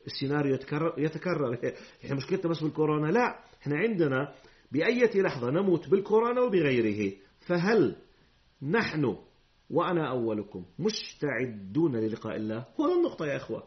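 A man's voice: a little high, expressive, fast talker, muffled recording. A man giving a religious lesson. He reads hadith formally, then explains them in colloquial speech and throws rhetorical questions at his listeners. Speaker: Islamic preacher.

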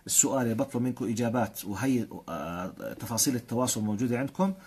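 A Jordanian man with a Jordanian accent hosts a live stream, reading out viewer comments in a rapid flow. His voice is husky and a little breathy, and he moves quickly from one greeting to the next. He sprinkles his talk with blessings and light chuckles. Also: medium pitch, darkish tone. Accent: Jordanian Arabic. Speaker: host.

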